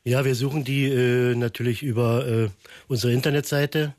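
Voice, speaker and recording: A man's voice: mid-range voice, flat delivery, normal speed, darkish tone, no room sound, clean studio sound. A man from Berlin, a photographer, answering a radio host's questions in an earnest, thoughtful way as he searches for words. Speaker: photographer, studio guest. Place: radio studio.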